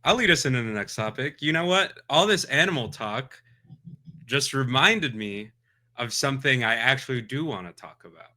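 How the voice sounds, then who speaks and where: A man's voice: mid-range voice, expressive, moderate pace, bright, forceful tone. A man co-hosting a podcast in casual chat, laid-back and laughing a lot. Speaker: podcast co-host.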